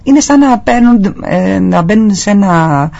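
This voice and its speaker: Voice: medium pitch, expressive, vocal fry, dark tone. A guest on a talk show explaining posture and treatment, earnestly advising listeners. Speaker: guest physiotherapist. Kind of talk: explanatory interview answers. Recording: dull lo-fi sound.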